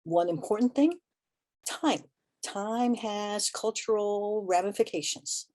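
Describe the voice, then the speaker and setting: A woman evaluator giving a webinar presentation in a measured way, pausing often with ums and asides. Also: mid-range voice, dark tone.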